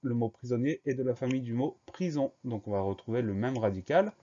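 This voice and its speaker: A man teaching a spelling lesson, slowly and carefully spelling words out letter by letter. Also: mid-range voice, dark tone, lo-fi sound.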